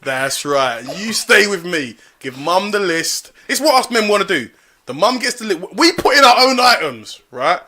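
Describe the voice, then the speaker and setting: A man, co-hosting a podcast and chatting in a lively, laughing storytelling way. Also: high-pitched, normal speed. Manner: animated, laughing storyteller who acts out other people. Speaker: podcast co-host. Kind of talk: casual banter.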